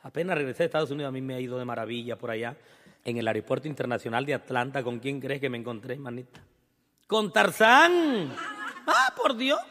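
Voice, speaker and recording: A man with a Mexican accent doing crude, teasing stand-up banter as emcee at a live show, rowdy and quick to laugh. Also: medium pitch, steady tone. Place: live concert stage. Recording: reverberant live venue with band music. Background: band music.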